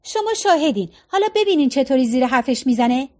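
A woman's voice: sits high, big pitch swings, a little mellow. A woman reading aloud as a tired, exasperated middle-aged wife with a sarcastic edge. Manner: fed-up, sarcastic.

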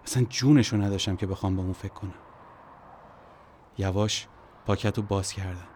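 A man narrates a first-person story in a low voice. His pacing is measured and quietly brooding, with a faint hiss beneath him. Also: fairly even intonation.

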